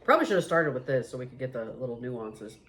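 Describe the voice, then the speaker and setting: A woman hosting a casual food review vlog, chatty and excitable, talking straight to her viewers. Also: very deep voice, fast, background noise. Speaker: vlog host.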